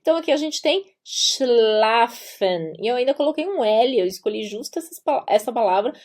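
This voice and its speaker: A woman's voice: high-pitched, animated, quick pace, warm tone. A Brazilian woman with a Brazilian Portuguese accent giving a patient, emphatic pronunciation lesson as a German teacher, repeating key words and drawing out examples.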